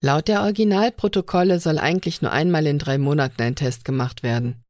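A woman voicing a cautious young male energy technician, speaking in a calm, measured way. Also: low-pitched, dry recording, clean studio sound, natural voice.

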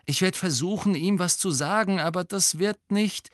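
A man's voice: sits high, no echo, clean studio sound, voice pushed up, lightly acted. Guy voicing a jumpy teen boy, defensive, raised voice, audiobook. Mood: uneasy. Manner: tense, quick to protest. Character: fifteen-year-old boy, defensive and uneasy.

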